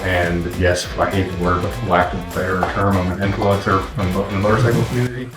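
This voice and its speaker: A man's voice: low voice, level tone, fairly quick, rough recording. A man talking casually to the camera as a motorcycle content creator, a little out of breath. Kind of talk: casual vlog talk to camera. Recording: music playing behind.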